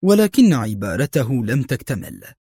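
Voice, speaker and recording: Husky male audiobook narrator. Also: mid-range voice, big pitch swings, moderate pace, dark tone, dry recording, clean studio sound. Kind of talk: dramatic storybook narration.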